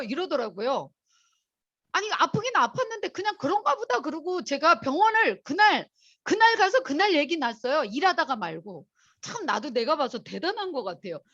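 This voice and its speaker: A woman lectures an audience with chatty, animated storytelling, her voice high and swooping up and down. She talks straight to the listeners in a motivational seminar. The recording is dull and lo-fi.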